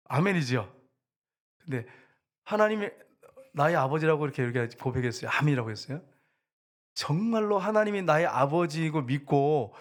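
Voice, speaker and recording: A middle-aged male pastor with a voice that sits a little high, preaching in a church. He tells stories in a loose, chatty way and drops into the voices of the people in them. The delivery rises and falls between loud appeals to the congregation and quiet storytelling. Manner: conversational preaching, acting out quoted voices. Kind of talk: sermon. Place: church sanctuary.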